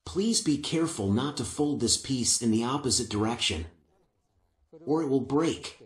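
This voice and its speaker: An older man explains each step of assembling a wooden piece in a calm, methodical way. His voice sits in a middle register and carries a noticeable room echo from the workshop around him. He speaks on a lapel mic. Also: medium pitch, normal speed, noisy background. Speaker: woodworking instructor. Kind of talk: step-by-step craft instruction. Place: indoor woodworking workshop.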